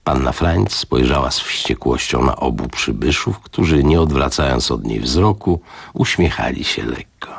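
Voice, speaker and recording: A man narrating an audiobook on radio with an expressive, dramatic delivery. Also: rumbling low, measured pace, gravelly, husky, no room sound.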